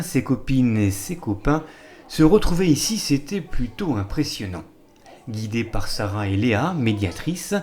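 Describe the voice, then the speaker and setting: A man narrating a scripted local television news report with a lively, rising and falling delivery. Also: medium pitch. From Moselle, France.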